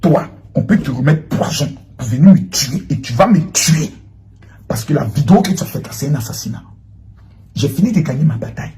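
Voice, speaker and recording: A man giving an impassioned, accusatory monologue, swinging between loud outbursts and hushed lines. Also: a little high, animated, fairly quick. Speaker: public figure answering a former protégée.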